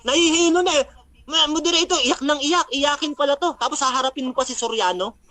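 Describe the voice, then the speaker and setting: A man's voice: extremely high pitch, fairly quick, bright, forceful tone, no room sound. A man acting as a religious debater, mockingly recapping a debate, taunting his opponent and citing Bible verses.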